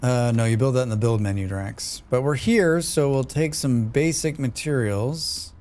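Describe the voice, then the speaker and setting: A streamer playing a demo mutters and thinks aloud during live gameplay commentary. His scratchy voice is medium-pitched with a darkish tone, and he talks at a normal speed.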